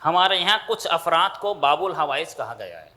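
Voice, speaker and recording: A middle-aged male cleric with a Pakistani Urdu accent gives a fervent sermon in a high, piercingly bright voice. He tells the story dramatically, drawing out key phrases and building intensity as he goes. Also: very animated. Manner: impassioned, rising and slowing for emphasis. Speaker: Shia cleric delivering a majlis. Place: large mourning hall.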